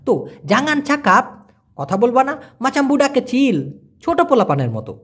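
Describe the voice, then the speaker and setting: A man from Bangladesh, giving a casual language lesson and patiently repeating words slowly piece by piece. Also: very high-pitched, big pitch swings, fairly bright tone, slightly rough. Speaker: language teacher.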